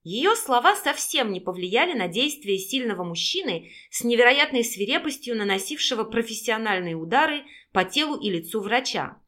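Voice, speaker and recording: Woman narrator, expressive audiobook read, bright lively pitch, dramatic. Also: normal speed, hardly any pauses.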